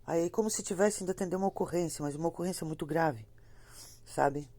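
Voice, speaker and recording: A woman's voice: on the low side, quick pace, dark tone. A woman with a slight cold, telling a horror story in a chatty, repetitive way and talking straight to her listeners. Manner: chatty, repeats herself, talks to listeners directly. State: has a cold, slightly congested. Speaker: storyteller of ghost stories. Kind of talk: casual spoken horror storytelling.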